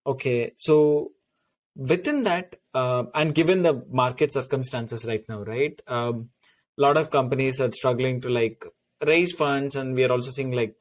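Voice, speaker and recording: A man acting as the interviewer in a mock job interview, asking questions conversationally. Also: mid-range voice.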